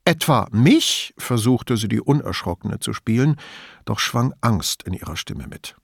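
A man narrating an audiobook in a steady, even storytelling voice. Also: on the low side, moderate pace, gravelly, no echo, studio quality. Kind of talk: scripted narration.

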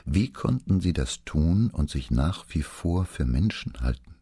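A man voicing a frank, sharp-tongued middle-aged wife in an audiobook, talking bluntly and earnestly. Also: a bass voice, animated, a little slow, breathy edge, no echo, clean studio sound, exaggerated voice.

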